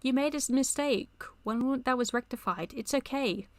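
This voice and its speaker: Reassuring older male lawyer, steady and kind, read by a woman with a dry sound. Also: high-pitched, moderate pace, no room sound, pitched above the performer's own voice, natural voice. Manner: read aloud from a chat log.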